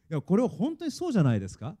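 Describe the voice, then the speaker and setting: Male pastor, mellow dark voice, earnest sermon, a bit higher than average. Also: huge pitch swings, a little fast. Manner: earnest, emphatic preaching, leads congregation in reading.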